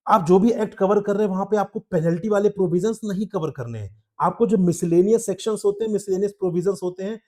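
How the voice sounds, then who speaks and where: With a high-pitched, warm voice, a man advises students preparing for law exams, speaking directly in Hindi and English. He keeps checking in by asking "ठीक है?"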